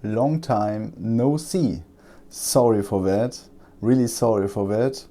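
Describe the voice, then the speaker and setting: This German repair technician speaks with a German accent in a fairly low, mellow voice. Talking casually for a repair vlog while fixing a laptop at his bench, he hesitates often, dropping in many ums and uhs.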